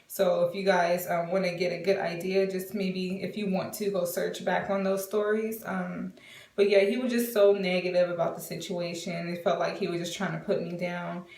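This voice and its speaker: A woman's voice: lowish voice, level tone, normal speed, vocal fry, darkish tone. A woman in her twenties telling a casual storytime, chatty and full of fillers, acting out what people said. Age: 20s. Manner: chatty, many fillers, acts out quotes. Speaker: vlogger. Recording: roomy, from a distance.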